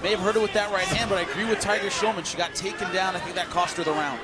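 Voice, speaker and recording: A man's voice: high-pitched, steady tone, very fast. A man giving live color commentary on an MMA fight, explaining tactics with blunt opinions. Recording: loud crowd and music behind broadcast mic. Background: arena crowd and music.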